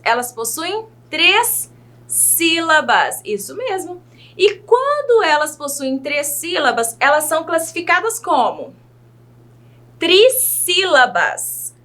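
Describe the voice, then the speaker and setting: Woman, Brazilian Portuguese accent, teacher, children's video lesson, patient, very lively pitch, slow careful speech. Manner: slow, careful syllable-by-syllable enunciation; patient, addresses young pupils directly.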